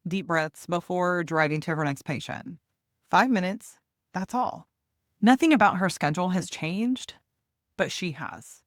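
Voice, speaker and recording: A woman hosts a reflective, encouraging solo talk in a very dry, close recording. She speaks gently and deliberately at a medium pitch. Pauses fall between her phrases as she guides the listener. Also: no room sound. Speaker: podcast host and hospice nurse coach.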